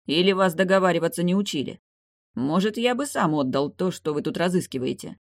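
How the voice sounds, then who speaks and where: A reader voicing a mocking young male warlock in an audiobook, speaking calmly and sardonically. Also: medium pitch, fairly quick, dry recording, clean studio sound, lightly acted. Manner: sardonic, grinning.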